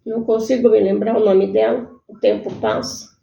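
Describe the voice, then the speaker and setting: A woman telling her own life story in a halting, earnest way. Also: on the high side, level tone, gravelly, mellow, a little hiss or hum. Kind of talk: personal storytelling. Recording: echoey room, muffled sound.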